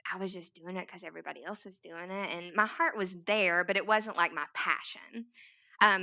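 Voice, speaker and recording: A young woman giving a talk to an audience in a large room, telling her own story in a chatty, animated way with many fillers. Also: mid-range voice, smooth. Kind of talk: conference talk.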